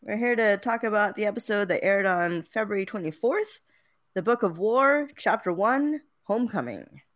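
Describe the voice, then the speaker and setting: Podcast co-host, woman, playful and teasing, animated pitch, dry close sound. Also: normal speed, no room sound. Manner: teasing, laughs often. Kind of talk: casual chat.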